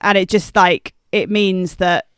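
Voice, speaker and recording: Woman on a podcast, sure of her views, mid pitch, dry mic. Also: fairly even intonation, measured pace, a bit bright, clear, resonant tone, no echo. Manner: confident, opinionated. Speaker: podcast co-host, writer. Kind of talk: casual debate chat.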